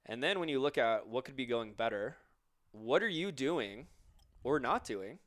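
A man's voice: mid-range voice, animated, normal speed, fairly bright tone. A man co-hosting a podcast, talking casually and giving reflective, coaching-style advice. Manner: reflective, coaching tone, asks listeners questions. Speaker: podcast co-host.

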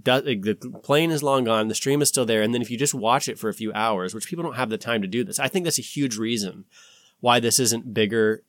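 A man's voice: medium pitch, brisk, no room sound, studio quality. A man talking casually as a podcast host, rambling and swearing, with an insistent, conspiratorial warning tone as he acts out imagined exchanges.

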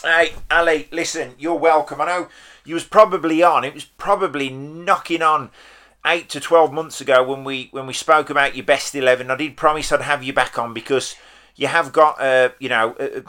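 A man's voice: on the high side, fairly even intonation, normal speed, sharp tone. A man hosting a podcast and casually interviewing a guest.

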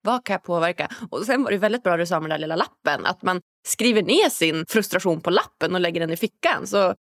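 A woman's voice: fairly low pitch, animated, no room sound, studio quality. A woman hosting a podcast conversation who agrees readily and asks her guest questions. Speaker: podcast host.

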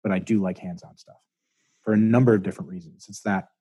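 Husky, mellow-voiced man explaining. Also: deep voice, fairly even intonation, fast, dry recording. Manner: thoughtful, explaining ideas at length with hedges. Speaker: chiropractor guest. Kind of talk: casual interview talk.

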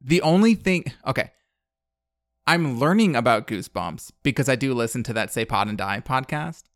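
A man's voice: medium pitch, animated, moderate pace, no room sound, studio quality. A man in his thirties hosting a podcast, recapping a film in casual chat, blunt and sarcastic, with plenty of fillers. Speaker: podcast host.

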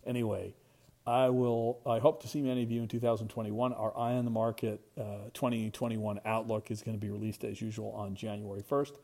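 A middle-aged American man hosting a podcast, giving semi-scripted commentary in a deliberate, opinionated, halting way. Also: lowish voice, flat delivery, creaky, dark tone. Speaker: podcast host, market strategist.

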